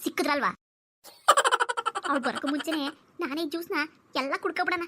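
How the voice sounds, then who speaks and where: A woman's voice: high voice, brisk, background noise, lightly acted. A woman voicing a grumbling old mother-in-law. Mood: suspicious. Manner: mutters and grumbles to herself. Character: older village mother-in-law, nosy and scolding. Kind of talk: cartoon voice acting.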